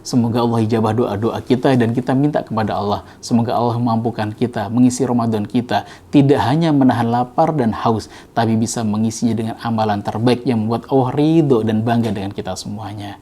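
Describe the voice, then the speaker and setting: A man preaching a casual Ramadan religious talk, gentle and conversational, who tells stories to make his points. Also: mid-range voice, brisk.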